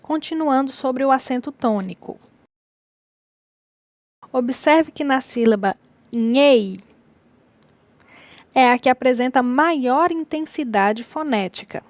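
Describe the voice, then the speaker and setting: A female teacher with a high-pitched voice records a lecture for distance learning, explaining things slowly and repeating key words. There is no echo.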